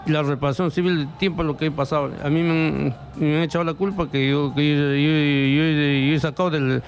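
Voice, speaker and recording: A middle-aged man tells his story in a radio studio, halting and repeating himself as he acts out what others said. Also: a little high, fairly even intonation, faint music behind. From Peru. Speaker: interviewee reporting bank fraud. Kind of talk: emotional testimony in a radio studio. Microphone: studio mic with headphones.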